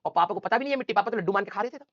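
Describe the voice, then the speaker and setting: A male teacher telling a funny childhood story to his class in a quick, animated way, with chatty asides to the students. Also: sits high, dry recording, dull audio.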